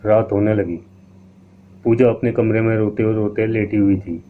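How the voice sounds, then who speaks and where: Male horror-story narrator; steady, low, phone-thin recording with faint hiss. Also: normal speed. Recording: tinny lo-fi line with faint hiss.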